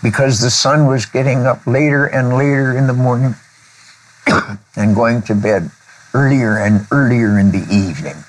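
An older man, a former preacher, telling a children's story during a conversation. He talks deliberately, with pauses and throat-clearing. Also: medium pitch, rough recording.

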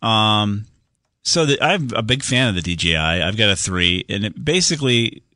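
Low-voiced chatty radio host, man. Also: animated, normal speed, sharp tone, dry recording. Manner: chatty, explains step by step. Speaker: radio call-in show host. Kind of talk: casual call-in tech advice.

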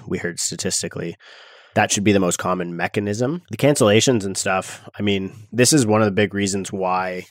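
Low-voiced man chatting on a podcast. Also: no room sound, clean studio sound. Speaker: podcast co-host. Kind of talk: casual explanatory podcast talk.

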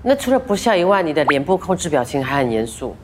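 A woman hosting a podcast interview, asking quick, teasing questions. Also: low voice, very animated, noisy background. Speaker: podcast host.

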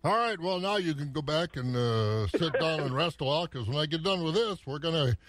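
A man's voice: fairly high pitch, animated, fairly quick, fairly bright tone. Folksy male farm radio host. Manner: folksy, easygoing, frequent "uh" fillers. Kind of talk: morning farm market report. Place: radio studio. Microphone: studio mic.

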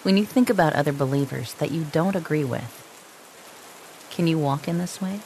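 Soft, slow-spoken woman guiding meditation. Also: low-pitched, slight background noise. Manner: slow, soft and calming, with long pauses. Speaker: meditation guide.

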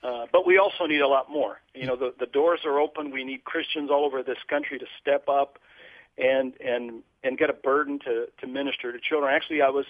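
A man's voice: mid-range voice, fairly even intonation, brisk, no echo. A man from Portugal, a guest explaining his ministry earnestly in a radio interview. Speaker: guest, children's ministry leader. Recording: tinny phone line.

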